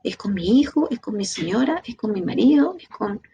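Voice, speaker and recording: Gravelly Chilean woman teaching a class. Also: mid-range voice, moderate pace, muffled recording, slight background noise. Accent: Chilean Spanish. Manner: lively, talks to the class directly with rhetorical questions. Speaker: instructor. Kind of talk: online training lecture.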